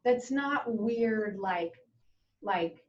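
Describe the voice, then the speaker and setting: A woman's voice: medium pitch, expressive, very slow. A woman teaching a Spanish class, chatty and encouraging, switching between English and Spanish. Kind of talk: classroom lesson. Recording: muffled classroom audio from a distant camera.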